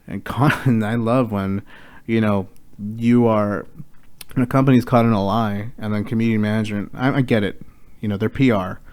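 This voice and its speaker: Male co-host, low voice, loose sweary ranter. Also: moderate pace, clean tone. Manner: chatty, swears freely, rants with rising excitement. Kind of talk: casual podcast chat.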